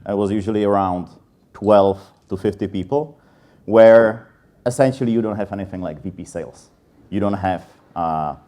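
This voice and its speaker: A man in his thirties from the Czech Republic gives a candid, self-deprecating talk from a conference stage. He speaks with a Czech accent in a fairly low, darkish voice, using frequent filler sounds.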